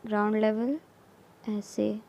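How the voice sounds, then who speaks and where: Woman, biology teacher, unhurried and soft-toned, repeats each term while sketching. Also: medium pitch, flat delivery, creaky. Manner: slow, repeats terms, mixes English terms into Hindi, frequent "theek hai". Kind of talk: explaining while drawing diagrams.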